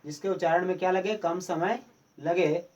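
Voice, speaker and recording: A man's voice: high voice, moderate pace, distant mic, lo-fi sound. A male teacher giving a Hindi grammar lesson, asking questions and answering them himself, repeating key answers. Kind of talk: Hindi grammar lesson for board exam students.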